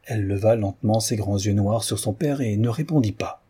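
A man reading a novel aloud as an audiobook narrator, in measured, even storytelling. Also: fairly low pitch, slightly rough. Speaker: audiobook reader.

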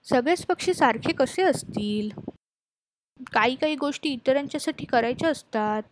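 A woman's voice: high voice, lively intonation, moderate pace, a little hiss or hum. A woman voicing a talkative, indignant female sparrow who scolds her mate, in a storybook reading. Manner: scolding, complaining.

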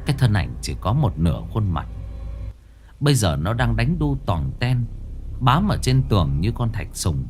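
A man's voice: lowish voice, sing-song, moderate pace, darkish tone, slight background noise. A man narrating a ghost story in a dramatic storytelling manner. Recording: faint background music.

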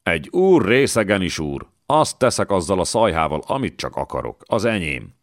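A man's voice: sits low, sing-song, no echo, studio quality, voice pushed up. A man reading as a drunken, arrogant nobleman.

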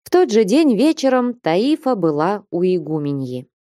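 A woman narrating a classic novel in an audiobook, with measured, even reading. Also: mid-range voice, no echo, clean studio sound.

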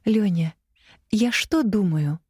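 A woman's voice: mid-range voice, slow, darkish tone, husky, dry recording, pitched above the performer's own voice. A timid, anxious middle-aged mother , as a woman reads her in an audiobook. She pleads in a raised, careful voice. The sound is close and dry.

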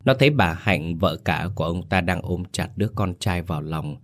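Male host, ghost story narrator, very low voice, dry close sound, steady measured reading. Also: no echo. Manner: steady, measured storytelling with a polite host's greeting.

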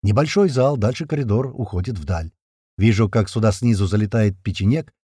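A man's voice: fairly low pitch, a little fast, mellow, husky, dry recording, studio quality. A man narrating a first-person action audiobook in a terse, punchy, slangy manner.

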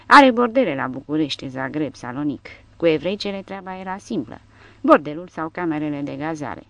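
A woman reading the part of a young captive woman who gravely accuses her keeper, in an audiobook. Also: low-pitched, lively intonation, dry recording. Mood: grave accusing.

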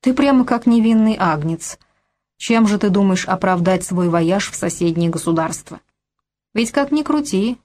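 A woman voicing a brisk middle-aged man, a scheming financier who lectures crisply and commands. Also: fairly low pitch, a little mellow, natural voice. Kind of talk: audiobook character voice.

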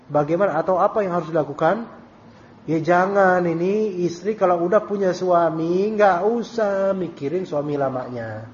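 A man's voice: high voice, a little mellow. A man teaching a religious study circle, reading out questions and answering them in a casual, joking way. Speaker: Islamic teacher. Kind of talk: recorded study-circle lecture with Q&A. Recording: dull lo-fi audio with faint hiss.

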